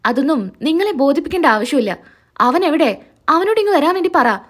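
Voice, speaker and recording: A curt, commanding police officer snaps out orders and brushes off every question, read aloud by a woman. The voice sits high. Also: animated, brisk, fairly bright tone. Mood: stern. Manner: curt, ordering people about. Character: stern male police officer making an arrest.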